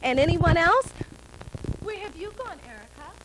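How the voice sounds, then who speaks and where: A woman from New York hosting a children's show, chatting with kids in a lively, encouraging way and laughing often. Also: very high-pitched, moderate pace, low-quality recording. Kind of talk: casual chat with children.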